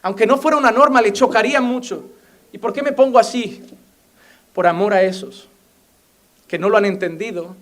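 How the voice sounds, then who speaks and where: A man's voice: high voice, normal speed, pauses often, fairly bright tone. A young man preaching a fervent sermon as a pastor, often mimicking the voices of imagined people. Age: young adult.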